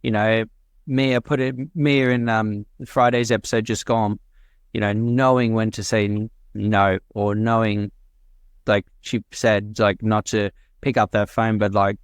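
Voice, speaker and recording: A man co-hosts a relaxed podcast chat in a fairly low voice. He talks loosely, laughs easily and drops casual swear words. The sound is dry and close. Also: a little slow, clean tone, dry recording. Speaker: podcast co-host.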